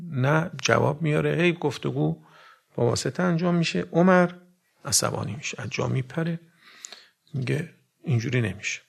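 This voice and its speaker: A male preacher delivering a mourning sermon, his voice heavily gravelly and husky. He drops to hushed whispers, then rises to loud cries, and turns to speak directly to his listeners. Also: a little high.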